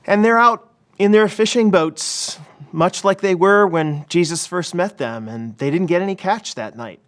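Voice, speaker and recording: A pastor preaching at a church service, retelling a story in a lively way with frequent restarts. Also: male voice, sits high, measured pace, clear, resonant tone. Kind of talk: sermon.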